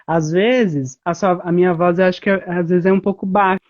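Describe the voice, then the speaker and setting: A woman guest in a casual interview, explaining things in a relaxed way with many fillers over a video call. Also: on the low side, brisk. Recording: slightly muffled audio.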